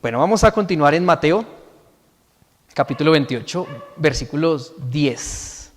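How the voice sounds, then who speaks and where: A male pastor preaching in a church, reading scripture aloud and unpacking it verse by verse. His voice sits a little high for a man and trails off with a long hall reverb. He keeps checking in with his listeners as he goes. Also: expressive, measured pace, slight background noise. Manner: reads scripture aloud and explains it, asking "¿sí?" to the congregation. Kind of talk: sermon.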